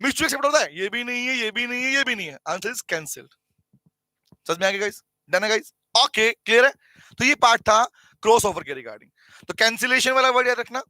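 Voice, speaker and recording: High, bright Indian male lecturer. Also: no echo, poor audio. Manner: animated, teasing, calls students by name; repeats key phrases slowly for notes. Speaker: teacher. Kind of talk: online classroom lecture.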